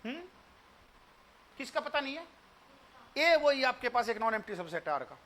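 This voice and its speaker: In an online demo math lecture, an Indian teacher with an unusually high voice walks students through a statement step by step, his tone bright and forceful with big pitch swings at normal speed. He repeats his points, keeps questioning the class and moves between Hindi and English.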